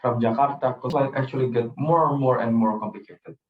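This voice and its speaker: A man's voice: mid-range voice, fairly quick. A young man from Indonesia gives an earnest personal presentation, telling his story and often repeating phrases. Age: young adult. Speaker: student presenter. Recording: roomy, distant, dull sound.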